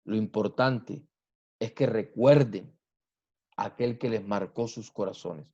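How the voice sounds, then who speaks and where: A male Colombian pastor preaches slowly, weighing each word and repeating his points. His volume rises and falls widely across phrases. The recording sounds muffled and lo-fi. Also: fairly low pitch, husky. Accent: Colombian Spanish. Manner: slow teaching delivery with repetition and wide swings in loudness. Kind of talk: sermon. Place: church sanctuary.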